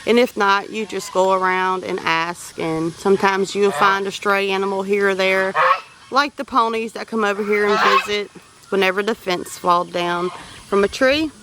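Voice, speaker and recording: Walking outdoors on her farm, a homesteader vlogger from Louisiana talks in a casual, practical way with a Southern accent. She comes across as down-to-earth and folksy, with a medium-pitched voice, fairly even intonation and a moderate pace. The recording is very noisy.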